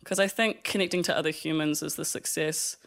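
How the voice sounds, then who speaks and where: Reflective young man, higher voice. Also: fairly even intonation, a little fast, a bit bright. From Fiji. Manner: reflective, many fillers and laughs. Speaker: artist guest. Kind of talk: casual interview chat.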